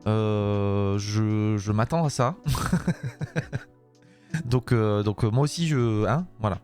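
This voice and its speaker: A man streaming live, chatting casually with a voice worn out and hoarse, rambling with many fillers and the odd curse. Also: fairly low pitch, steady tone, takes it slowly, soft background music. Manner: rambling, swears at his software, frequent fillers and laughs.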